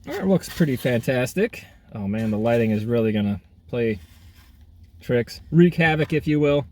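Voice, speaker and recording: In a mid-range, slightly mellow and expressive voice at normal speed, a food vlogger chats through a casual review as he eats outside in partial sun and shade. He exclaims often between bites.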